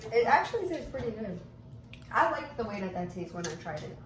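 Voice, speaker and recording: A woman's voice: mid-range voice, sing-song, a little fast, distant mic. Sassy young woman in a noisy, echoey room. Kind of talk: casual vlog chat.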